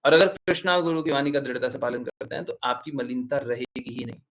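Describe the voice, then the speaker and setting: A man's voice: medium pitch, steady tone, a little fast, a bit bright, rough recording. A man acting as spiritual teacher, answering devotees' questions in a devotional class, emphatic and repetitive and fond of rhetorical questions.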